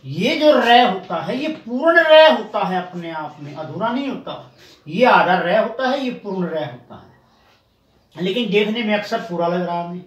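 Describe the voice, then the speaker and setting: A man teaching a Hindi spelling lesson, explaining step by step and drawing out each syllable slowly. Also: high voice, expressive. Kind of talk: classroom spelling lesson at a board. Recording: echoey room, far from the mic, faint noise.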